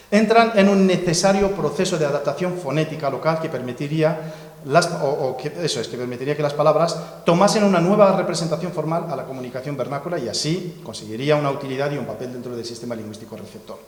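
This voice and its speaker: A man's voice: medium pitch, darkish tone. Man lecturing in an echoey hall. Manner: conversational, digressive, many fillers and restarts; draws on a board while explaining. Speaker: lecturer at a seminar. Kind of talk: academic lecture. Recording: echoey hall, long reverb.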